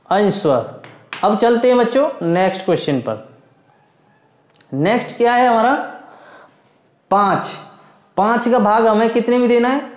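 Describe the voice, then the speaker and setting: A man teaching division to young children. He keeps calling out to them, asks and answers his own questions, and chants multiplication tables slowly. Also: high voice, roomy sound. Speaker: math teacher. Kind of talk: classroom lesson for children.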